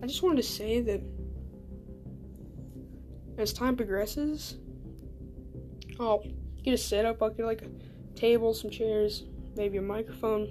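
A woman's voice: fairly high pitch, steady tone, unhurried, pauses often, over music. A woman talking casually and self-deprecatingly in a rambling solo podcast, recorded in a small home bathroom. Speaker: podcast host.

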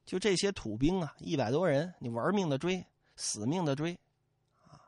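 A man retelling a classical novel as a storyteller, lively and playful, with chatty asides. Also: a little high, moderate pace, no room sound, studio quality.

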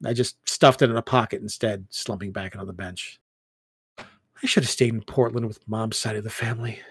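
A man reading first-person fiction aloud, with expressive storytelling as an audiobook reader. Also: fairly low pitch, fairly quick, husky, dry recording, studio quality.

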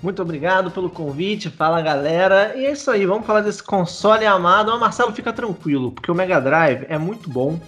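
A man's voice: sits high, a little fast, hardly any pauses, fairly bright tone, dull audio, faint music behind. A man with a Brazilian Portuguese accent chatting casually as a podcast guest. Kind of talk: casual chat.

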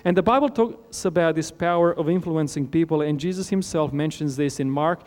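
A man from Romania preaching a sermon, asking earnest rhetorical questions and letting his voice fall low and soft at the end of phrases. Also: brisk. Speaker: pastor. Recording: long hall reverb with mains hum.

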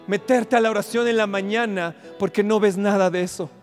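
High-voiced fervent preacher in a hall. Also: male voice, fairly even intonation, fairly quick. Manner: fervent, repetitive, bursts into shouting. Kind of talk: fervent sermon. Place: large hall at a conference. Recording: reverberant hall with background music.

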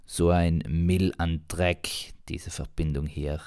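A man voicing an irritable stranded motorist in a low, dark voice close to his own. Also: flat delivery, takes it slowly, no echo, full character voice. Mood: grumbling. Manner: irritable, grumbling. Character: grumpy stranded middle-aged motorist.

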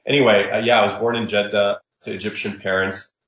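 A man born in Saudi Arabia talks through his views as a startup founder, calm and reflective. His voice sits a little low. The recording is dull, lo-fi, and echoes in the room. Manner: reflective, measured, sprinkles religious phrases. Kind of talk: conversational interview answers. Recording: roomy, dull lo-fi audio.

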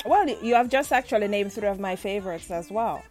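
With soft music behind her, a woman hosts a lively online interview, laughing frequently and heaping on praise. She speaks a little fast in an expressive, medium-pitched voice that is a little mellow.

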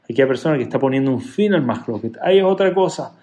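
A man teaching a religious class who tells stories in an animated way, moving between loud emphasis and soft asides. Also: medium pitch, fast. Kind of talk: Torah class.

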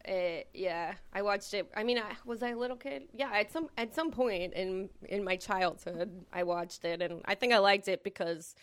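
A woman's voice: mid-range voice, moderate pace, few pauses. A woman in a casual podcast chat, thoughtful and analytical, rambling through her points.

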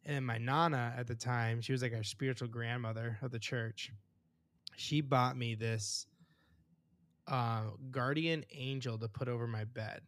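A man hosting a podcast, chatting casually and sharing a childhood memory with a relaxed manner. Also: mid-range voice, measured pace. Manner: relaxed, reacts with short interjections. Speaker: podcast host. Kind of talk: casual chat.

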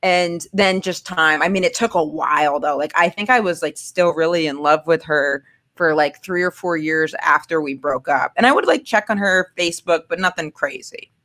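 A woman's voice: low voice, moderate pace. A young woman from Maine, a guest in a casual podcast conversation, who tells her stories animatedly and acts out what people said. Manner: animated storytelling, acting out quotes.

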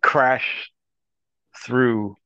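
A man's voice: medium pitch, fairly even intonation, extremely slow, bright, forceful tone, clean tone, dry recording. A man co-hosting an unscripted book podcast, rambling casually and swearing now and then. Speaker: podcast co-host. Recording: dry, dull lo-fi sound.

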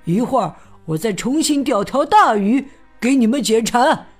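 A woman's voice: a little high, expressive, normal speed, husky, faint music behind. A woman voicing a chubby, timid chick in a storybook who drawls and hesitates. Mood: hesitant.

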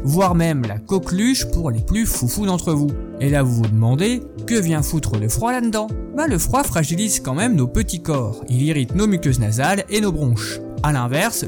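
Man, 30s, playful podcast host, lively high-ish voice over a music bed. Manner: playful, joking asides to his baby son. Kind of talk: casual comic chronicle.

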